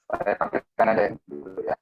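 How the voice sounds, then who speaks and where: A man giving an online presentation, his voice cutting in and out over a choppy video call, talking haltingly with many fillers. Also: dry recording, highs cut off, faint music behind. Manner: halting, with frequent fillers and restarts. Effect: choppy, breaking-up video call audio. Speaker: webinar presenter. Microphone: computer mic on a video call.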